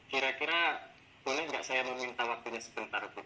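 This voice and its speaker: A man playing a teacher in a coaching role-play, complaining in an exasperated, animated way about his class. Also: mid-range voice, brisk, slight background noise, poor audio. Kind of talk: role-played coaching session.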